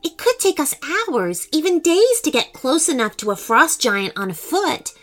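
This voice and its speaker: Woman doing an eager male hero, cheerful, enthusiastic, lively pitch. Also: unhurried. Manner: bright and enthusiastic.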